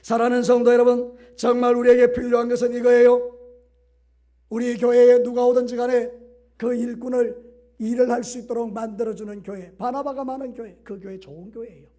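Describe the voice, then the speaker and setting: A middle-aged male pastor preaching a sermon, swinging from loud exhortation to soft asides. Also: very high voice, little pitch movement, brisk. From Korea.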